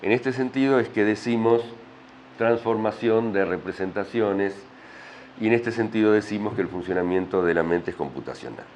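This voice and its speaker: A man's voice: fairly low pitch, normal speed. A man with an Argentine accent giving a university lecture, explaining step by step and often checking in with the class. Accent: Argentine Spanish. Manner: explanatory, checks understanding with frequent tag questions. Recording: dull lo-fi lecture recording with faint noise.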